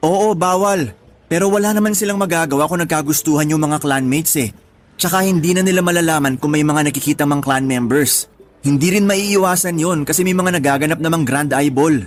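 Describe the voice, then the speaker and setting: In this radio drama scene, a man with a Filipino accent voices a 27-year-old pal, a bit older, practical and fond of teasing, keeping things colloquial, bantering, casual and informative. His pitch is fairly high, he talks a little fast, and the everyday-sounding voice carries slight background noise.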